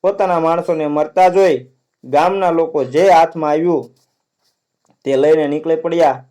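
Male storyteller, slightly high, warm mellow tone, earnest dramatic read-aloud. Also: steady tone, moderate pace.

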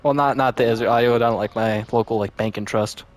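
A man chatting casually in an online voice chat with friends, deadpan and laid-back. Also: medium pitch, fast talker. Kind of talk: casual prank call banter.

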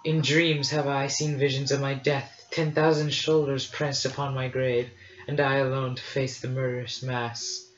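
A man's voice: mid-range voice, level tone, normal speed, lightly acted. A man voicing a fussy, fearful robot speaking anxious dramatic verse. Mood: dismayed. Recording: roomy, slightly dull, faint music.

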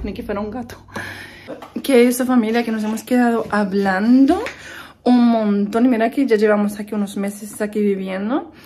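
A young woman talking casually to her viewers at home, rambling and restarting her sentences as she goes. Her voice sits a little high. A faint hiss lies under the recording. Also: a little mellow. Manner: chatty, rambling, frequent restarts. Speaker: vlogger. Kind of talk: casual chat to camera.

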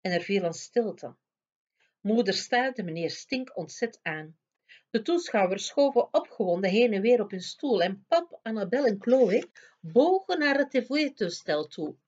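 Een vrouw die een kinderboek hardop en expressief voorleest. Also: female voice, mid-range voice, unhurried, muffled recording. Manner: expressive, lively storytelling. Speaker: storyteller reading aloud. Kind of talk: reading a children's book aloud.

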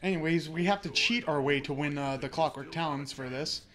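A man's voice: on the high side, fairly quick, a bit bright. A young man hosting a let's play, joking and swearing freely in casual commentary.

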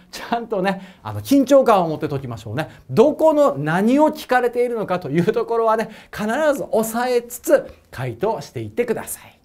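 Speaking to camera in front of a whiteboard, this prep school physics teacher covers exam material in a playful, talkative style. His voice is high and swings animatedly as he poses questions to viewers and chuckles at his own side remarks, all in an Osaka Japanese accent.

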